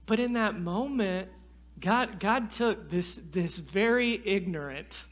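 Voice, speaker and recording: A man from North Carolina, preaching as a guest speaker and telling a personal story in a lively, self-deprecating way. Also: high voice, slow pace. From North Carolina, USA. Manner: animated, self-deprecating, frequent restarts and fillers. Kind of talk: sermon storytelling. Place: church sanctuary.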